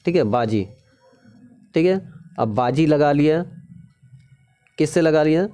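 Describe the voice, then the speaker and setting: A man's voice: fairly high pitch, mellow, slight background noise. A man teaching a casual exam-prep lesson, repeating key words and often checking in with the viewer. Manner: repetitive, keeps asking "ठीक है?"; drawn-out sing-song pronunciation drills.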